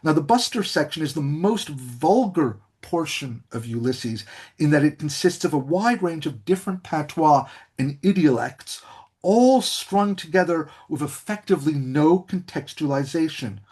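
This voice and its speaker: A man delivering a scholarly public lecture from a script, measured in manner with frequent hesitations. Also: fairly high pitch, expressive, a little mellow, breathy edge. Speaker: guest lecturer. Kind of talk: academic lecture read from a script.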